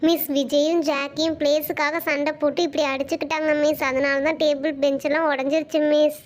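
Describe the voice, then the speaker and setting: Woman doing a high squeaky schoolgirl, fussy tattletale, doll show. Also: level tone, a little fast, slight background noise, lightly acted. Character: chatty schoolgirl classmate.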